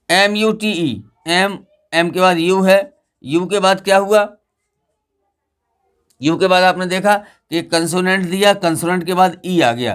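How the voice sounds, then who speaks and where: A male teacher with a somewhat high voice, giving a patient pronunciation lesson aimed at children. He spells out each letter slowly and keeps checking in with the class with short, repeated prompts.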